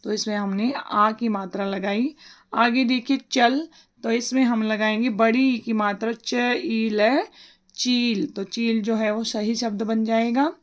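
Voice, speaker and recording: A woman teaching a worksheet lesson for young children, sounding out each syllable slowly and asking questions that she answers herself. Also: a little high, steady tone. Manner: slow, sounds out syllables one by one.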